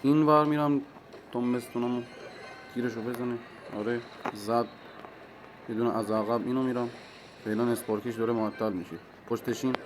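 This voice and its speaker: Guy streaming a mobile game, mid pitch, hypes himself up and yells at the other player, bit of faint noise behind. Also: pauses often. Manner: excitable, talks to himself and the opponent, sudden shouts. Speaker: gaming streamer. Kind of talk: live gameplay commentary.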